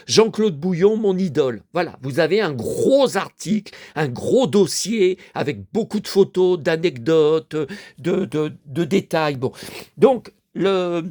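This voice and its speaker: High-voiced, hesitant French man in his fifties. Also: darkish tone. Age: 50s. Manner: hesitant, many fillers and restarts, emotional. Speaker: collector vlogger and blogger. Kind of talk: rambling nostalgic monologue.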